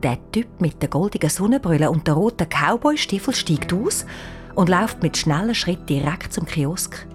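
A woman with a Swiss German accent narrating a children's story in a lively, expressive way. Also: fairly low pitch, moderate pace, faint music behind.

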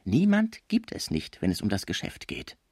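A man voicing a cold, scheming male lawyer who speaks in a hushed, calculating way. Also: lowish voice, huge pitch swings, normal speed, husky, no room sound, studio quality, full character voice.

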